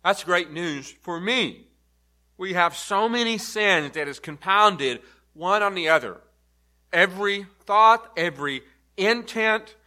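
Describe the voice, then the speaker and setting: A man preaching a sermon, emphatic and building to forceful repeated stresses. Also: high voice.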